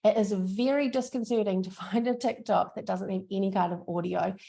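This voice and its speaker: Very creaky broad Kiwi-accented woman. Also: medium pitch, a little fast, mellow. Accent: broad New Zealand (Kiwi). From New Zealand. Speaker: social media trainer. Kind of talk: informal online training presentation.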